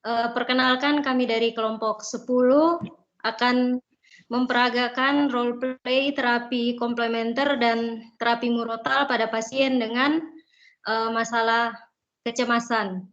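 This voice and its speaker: Young woman student reading out a scripted intro, high voice, muffled lo-fi audio. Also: fairly even intonation, a little slow, fairly bright tone. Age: young adult. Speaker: student presenter and narrator. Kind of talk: scripted narration. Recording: dull lo-fi sound.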